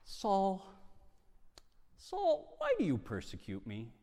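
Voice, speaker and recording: A man voicing a solemn divine male voice speaking from a bright light. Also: sits high, huge pitch swings, takes it slowly, voice pushed up, exaggerated voice. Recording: long hall reverb.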